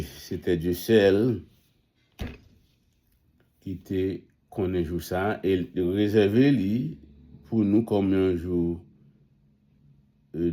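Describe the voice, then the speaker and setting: A deep-voiced man preaches. He speaks slowly, halting and restarting his phrases. His tone is very dark and mellow. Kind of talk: sermon.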